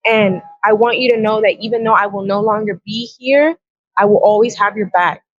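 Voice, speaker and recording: A woman's voice: mid-range voice, a little fast, no echo. A woman guest on a podcast telling a personal story with blunt, earnest, profane reported dialogue. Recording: dull, dry lo-fi sound.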